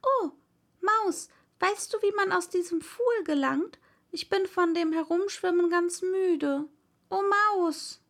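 A polite, curious little girl, put on by a woman reading aloud chatters eagerly in a high, light voice. She speaks at an unhurried storybook pace. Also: exaggerated voice. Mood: calling out. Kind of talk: audiobook reading.

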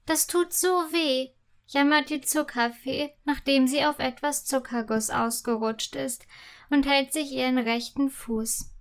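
A woman narrating a children's story in a gentle, clear reading voice. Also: sits high.

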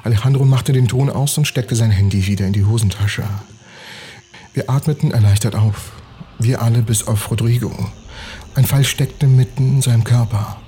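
A man reading a spooky bedtime story aloud for a podcast, in a calm, even way. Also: medium pitch, moderate pace, slight background noise.

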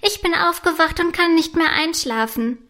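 A woman voicing an eager, excitable young princess in a children's story, with a bright, breathless voice. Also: very high voice, moderate pace, pitched above the performer's own voice, heavily acted. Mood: excited.

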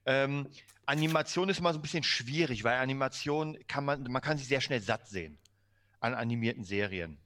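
Excited guy gushing about movies on a podcast, trips over his words. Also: medium pitch, a little fast. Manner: enthusiastic, laughs often, restarts sentences. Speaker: podcast co-host. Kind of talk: casual chat.

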